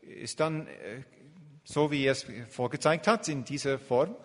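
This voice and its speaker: A man interprets a lecture phrase by phrase, hesitating often and filling gaps with drawn-out filler sounds while he looks for the right word. His mid-pitched voice rings with the long reverb of a large hall. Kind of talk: live consecutive interpreting.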